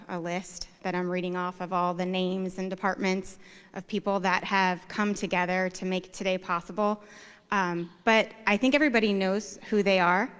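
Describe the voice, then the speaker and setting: A woman who directs a service dog program welcomes guests to a graduation in a heartfelt, halting way, often pausing on fillers and starting over. Her voice is clean and resonant. A long hall reverb trails behind each phrase. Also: medium pitch, fairly bright tone, smooth.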